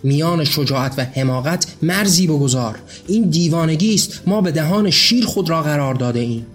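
A man voicing a cautious, skeptical male revolutionary who speaks in a measured way, in a read-aloud story. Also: on the high side, animated, husky, soft background music. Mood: objecting. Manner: measured, objecting.

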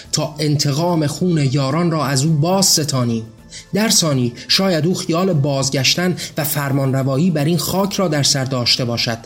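A man's voice: fairly high pitch, close to an everyday voice. A man voicing a zealous, vengeful male revolutionary in a read-aloud story. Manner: fervent.

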